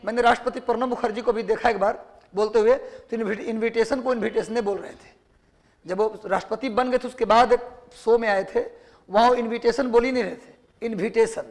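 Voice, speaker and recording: A man teaching a lecture class with a Bihari Hindi accent, firing questions at students and repeating the answers slowly for dictation. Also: extremely high pitch, fairly even intonation, darkish tone.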